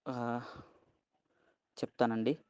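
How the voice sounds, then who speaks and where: Slow, patient Telugu-accented male teacher. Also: mid-range voice, level tone, darkish tone, clean tone, no echo, highs cut off. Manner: slow, spells words letter by letter, keeps asking "okay?". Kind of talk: vocabulary lesson.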